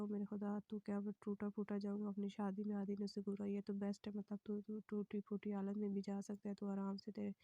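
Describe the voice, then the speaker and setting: A woman reading a romance novel aloud in a soft, breathy voice that sometimes drops to a whisper. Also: medium pitch, no room sound. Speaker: novel reader.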